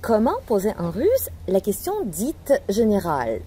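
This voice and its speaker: Lively woman teacher asking questions. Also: mid-range voice, a little slow, husky. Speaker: language teacher. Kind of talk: interactive classroom dialogue.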